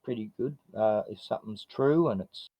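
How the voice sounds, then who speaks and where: A man's voice: fairly low pitch, moderate pace, mellow, breathy edge, no room sound. An older man with an Australian accent chatting casually in the plain-spoken, slangy manner of an Aussie tradesman. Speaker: interview guest. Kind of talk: casual chat. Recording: dry, slightly dull microphone sound.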